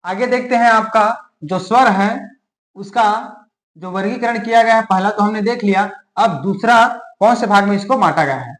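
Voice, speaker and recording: Key terms get stretched out word by word as this man, whose high voice has a fairly bright tone, leads a grammar lesson for exam prep. He checks in with his class again and again, and the room echoes.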